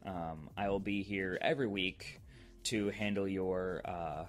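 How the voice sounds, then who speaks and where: A man's voice: sits low, measured pace, faint music behind. A man hosting his own podcast, giving a casual, rambling update with many ums and restarts. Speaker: podcast host.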